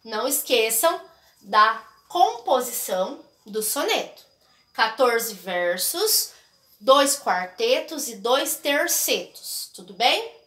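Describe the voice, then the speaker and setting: A woman's voice: on the high side, sing-song, takes it slowly, a bit bright. Brazilian woman teacher explaining patiently. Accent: Brazilian Portuguese. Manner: explanatory, checks in with frequent tags. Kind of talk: recorded classroom lesson. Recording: echoey room.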